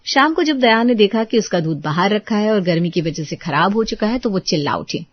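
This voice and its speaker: A woman's voice: medium pitch, expressive, brisk, no room sound, highs cut off. A woman narrating a family storybook drama in a dramatic storytelling manner.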